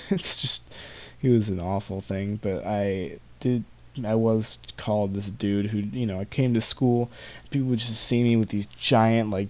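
A man's voice: fairly low pitch, dark tone. A young man hosting a podcast alone, telling rambling, self-mocking stories about school and laughing now and then. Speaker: podcast host. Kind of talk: casual solo storytelling.

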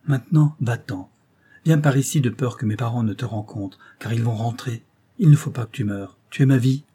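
A man's voice: mid-range voice, fairly quick, mellow, husky, natural voice. A man voicing an earnest young woman in love who urges her lover to leave, in a storybook reading. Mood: tender urgent. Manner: tender, urgent pleading.

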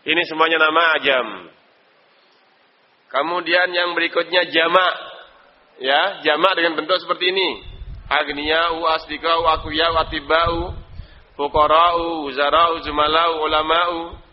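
A man's voice: fairly high pitch, steady tone, a little slow, pauses often. A man with an Indonesian accent teaching an Arabic language class, quizzing students by name and chuckling now and then. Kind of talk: live online Arabic class. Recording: dull lo-fi recording.

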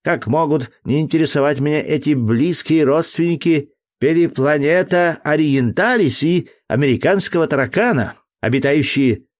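A man reading aloud, voicing a fussy, excitable male entomologist who lectures with pedantic indignation. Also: fairly high pitch, normal speed, hardly any pauses, voice pushed up, natural voice. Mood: fussy, lecturing. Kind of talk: audiobook character voice.

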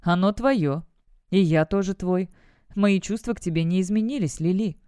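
A woman's voice: lowish voice, moderate pace, mellow, clean tone, no room sound, studio quality, natural voice. A woman reading the lines of a hot-tempered young male guard who talks bluntly and scornfully. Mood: scornful, heated. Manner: blunt, sneering remarks.

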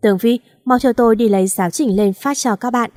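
A woman's voice: a little high, fairly quick, dark tone, close to an everyday voice. A woman voicing a young male teacher who needles and teases his student, with a cocky manner in an audio story. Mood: playful.

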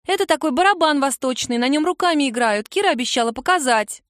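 A woman reader voicing an excitable, nosy young girl who begs and squeals with enthusiasm. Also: high voice, quick pace, dry recording, studio quality, voice pushed up. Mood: chirpy, cheeky. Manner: breathless pleading, squealing enthusiasm.

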